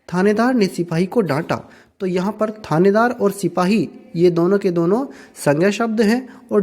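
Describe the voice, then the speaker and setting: Patient teacher voice for a workbook walkthrough, asks and answers own questions, mid pitch. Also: a little mellow. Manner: repeats and rephrases to explain. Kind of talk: step-by-step workbook lesson.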